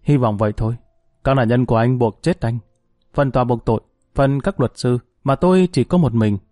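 A man voices a worried lawyer who has nearly given up. His tone is mellow and resigned, recorded close and dry. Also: medium pitch, fairly quick, no echo, faint music behind, lightly acted. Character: worried male defense lawyer.

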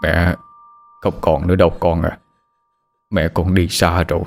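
A man voicing a gentle old grandfather who soothes his grieving grandson in a slow, low voice. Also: little pitch movement, vocal fry. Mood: soothing.

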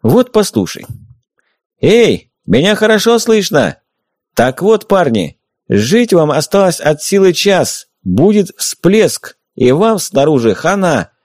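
A sardonic blind stalker with a dry, mocking edge, put on by a man reading an audiobook. He raises his voice to taunt, pitch climbing high and swinging widely, in a dry close recording. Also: very animated, normal speed, warm tone, no room sound. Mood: taunting loud. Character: blind male stalker, calm, sardonic, lecturing. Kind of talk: audiobook character voice.

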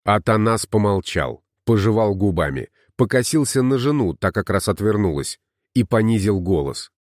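A man narrating an audiobook in a steady storytelling manner. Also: on the low side, moderate pace, no echo, studio quality. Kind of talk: scripted narration.

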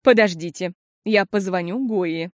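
A woman reading an audiobook, voicing a worried but steady mother who speaks earnestly and deliberately. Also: mid-range voice, dry recording, studio quality, natural voice. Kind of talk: audiobook character voice.

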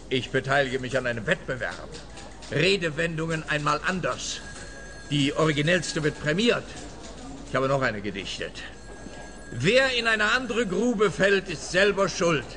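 An actor playing a smug police officer in a radio play, with a pompous, taunting way of talking. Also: male voice, on the high side, expressive, moderate pace, a bit bright. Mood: self-satisfied. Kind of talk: scripted radio play acting.

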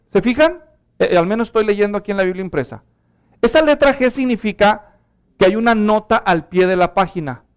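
A man teaching an expository Bible study, explaining patiently and often checking that listeners follow. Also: high-pitched.

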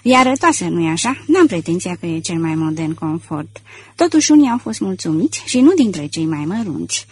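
O femeie citind un gentleman-hoț mândru. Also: on the low side, husky. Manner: proud, ironic and self-assured. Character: elegant, boastful gentleman thief, man. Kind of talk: audiobook character reading.

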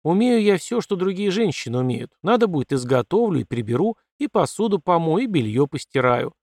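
A man's voice: a little high, sing-song, a little fast, darkish tone, no echo, voice pushed up. Katerina, a pert defiant young woman, as a man reads her. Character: young woman, bold and quick-tongued colonel's daughter. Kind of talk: audiobook character voice.

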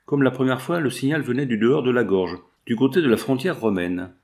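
A man narrates a classic adventure novel in a steady, measured read. His voice is mid-pitched with a gravelly, creaky texture. The delivery is calm and even. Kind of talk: scripted audiobook narration.

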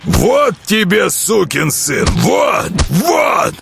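A man's voice: fairly high pitch, lively intonation, slow pace, gravelly, over music, pitched above the performer's own voice, heavily acted. A man voicing a burly, violent male brawler who bellows in rage in an audiobook. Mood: furious.

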